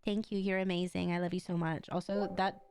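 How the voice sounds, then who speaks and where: A woman livestream host chatting casually with viewers in a playful, campy, slangy and very expressive way. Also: fairly low pitch, brisk, background noise. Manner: expressive, exclaiming and drawing out words. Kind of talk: casual livestream chat while opening card packs.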